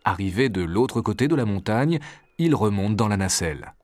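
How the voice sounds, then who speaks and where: A man narrating a storybook adventure in a measured, expressive reading. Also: fairly low pitch, no room sound.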